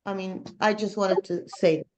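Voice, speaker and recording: A woman teacher joining a video call workshop, telling a story hesitantly, with many fillers and pauses. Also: mid-range voice, steady tone, a little mellow. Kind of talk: sharing a personal story.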